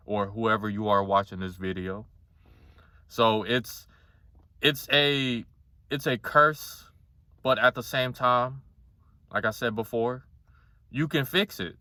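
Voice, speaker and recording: Young guy doing a confessional vlog, kinda monotone but bright voice, blunt, rambly, very dry audio. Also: mid-range voice, no echo. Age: 20s. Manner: rambling, blunt, casual swearing. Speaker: vlogger. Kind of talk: casual confessional talk to camera.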